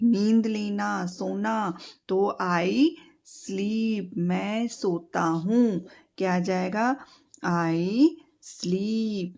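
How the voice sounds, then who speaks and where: Slow, patient Hindi-speaking woman tutor. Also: medium pitch, a little mellow. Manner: slow, drilling repetition with spelled-out letters and quiz questions. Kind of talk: teaching English verbs to children in Hindi. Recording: dull lo-fi home recording.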